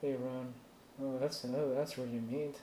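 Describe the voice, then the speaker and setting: The live stream host, a Puerto Rican man who grew up speaking Spanish, wanders through PC troubleshooting advice while musing over chat messages. His mid-range voice is level and dark-toned at a measured pace, with faint noise in an echoey room.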